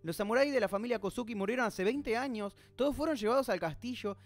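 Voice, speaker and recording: A man's voice: very high voice, quick pace, soft background music. A man hosting a manga reaction, reading the panels aloud and stopping to puzzle over details and reply to chat comments.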